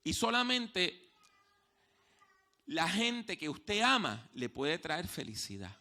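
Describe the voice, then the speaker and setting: A man preaching a sermon as pastor, telling stories and dropping from hushed tones to loud outbursts, repeating key phrases slowly for emphasis. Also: high-pitched, big pitch swings. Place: church.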